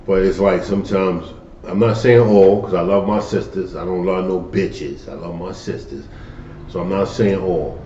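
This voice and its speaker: A man's voice: deep voice, fairly even intonation, normal speed, warm tone. A man co-hosting a casual podcast, rambling with restarts and casual swearing. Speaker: podcast co-host. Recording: echoey room, distant dull mic, faint hum.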